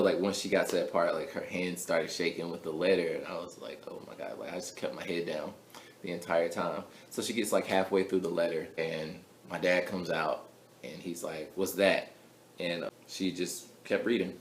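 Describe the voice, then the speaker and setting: A man's voice: sits low, steady tone, moderate pace, slight background noise. A young man telling a personal story to camera in a casual, chatty vlog, full of filler words. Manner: chatty, full of "like" fillers, soft mumbles between louder bursts. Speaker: vlogger. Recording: echoey room with faint ambience.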